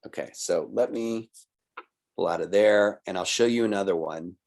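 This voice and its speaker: A man's voice: sits low, moderate pace, creaky, darkish tone. A man teaching a recorded online college writing lesson, explaining patiently and checking in with "right?" and "okay?". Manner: explanatory, patient, with little laughs.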